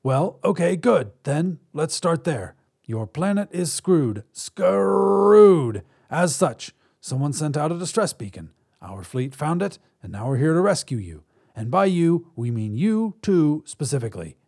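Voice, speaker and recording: A man voicing an impatient, fast-talking male alien who explains a rescue in a brisk, salesman-like way. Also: on the high side, sing-song, a little mellow, husky, voice pushed up, heavily acted. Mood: brisk, explaining.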